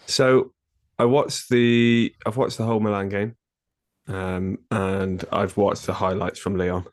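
Nasal, congested man, low-pitched. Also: little pitch movement, slow pace. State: ill with a cold. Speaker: podcast host. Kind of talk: casual football podcast chat.

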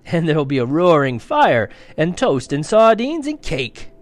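A man voicing a polite, fussy male faun who is shy and excitable, formal and flustered, repeating himself. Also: a little high, normal speed, voice pushed up. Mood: warm, inviting.

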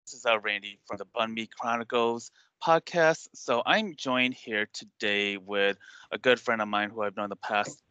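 A man's voice: fairly low pitch, normal speed, sharp tone, clear, resonant tone, no room sound, dull audio. A man hosting a podcast interview, asking questions in an earnest, respectful way. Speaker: podcast host.

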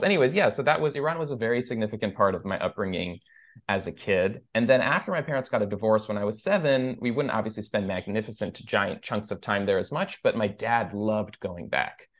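A man in his thirties from the United States, raised between two countries and a native Persian speaker, talks as a guest in a casual podcast interview. He's loose and rambling, with lots of fillers and restarts. His voice is fairly low and brisk.

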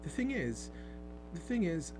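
A man voicing a nervous eleven-year-old boy who speaks hesitantly and stumbles over his words, heard over a steady hum. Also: on the high side, a little slow, music in the background, pitched above the performer's own voice, poor audio. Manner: hesitant, stammering.

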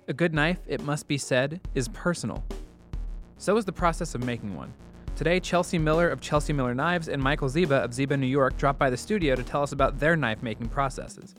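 A man's voice: a little high, a bit bright. A man hosting a show, narrating a scripted introduction and then interviewing guests. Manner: measured, deliberate intro delivery. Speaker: podcast host. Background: faint music.

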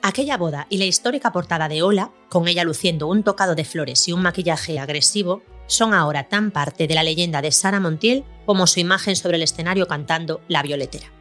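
A woman hosting a podcast, reading a scripted documentary narration in a measured storytelling way. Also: fairly low pitch, fairly bright tone. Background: faint music.

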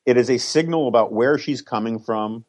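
A man's voice: mid-range voice, a little mellow. A man co-hosting a podcast, talking politics in a wry, argumentative way and teasing his co-hosts. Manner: wry, argumentative, quick to tease. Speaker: podcast co-host. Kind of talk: casual political chat.

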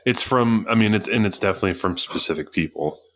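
A man co-hosting a podcast, chatting casually and telling stories in a relaxed way. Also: on the low side, fast talker. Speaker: podcast co-host. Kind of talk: casual chat.

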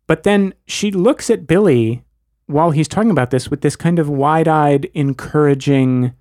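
A man's voice: mid-range voice, darkish tone, no room sound, studio quality. A man co-hosting a podcast, talking through a TV episode in a thoughtful, analytical, wordy way. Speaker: podcast co-host. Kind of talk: casual chat.

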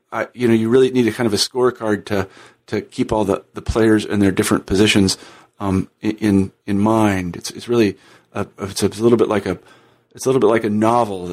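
American man hosting, halting conversational delivery. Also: lowish voice, a little mellow. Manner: halting, repeats words as he goes. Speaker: podcast host, interviewer.

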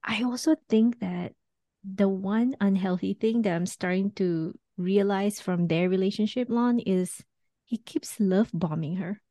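A woman co-hosting a casual chat, her voice mid-pitched and recorded close and dry. She thinks out loud in loose, rambling sentences full of "like". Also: unhurried, dry recording. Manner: thoughtful, talks in loose chains with many "like"s. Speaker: podcast co-host.

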